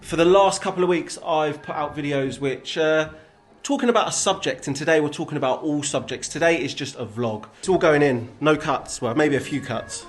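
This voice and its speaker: A man's voice: on the high side, a little fast. A man from Bedfordshire with an English accent, hosting a casual vlog and chatting to camera. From Bedfordshire, England. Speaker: vlog host. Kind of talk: casual outdoor vlog chat.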